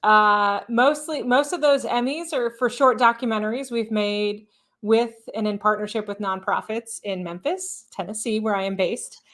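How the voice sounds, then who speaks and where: A woman's voice: mid-range voice, normal speed, fairly bright tone. A woman speaking passionately as a guest on a live podcast, with a polished news-reporter cadence. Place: stage at a live event.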